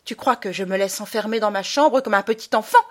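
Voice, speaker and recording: Woman doing a young boy in an audiobook, high and loud, hurt and defiant. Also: a little fast, close to an everyday voice. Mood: bitter. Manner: high, loud, indignant outbursts. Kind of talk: audiobook character voice.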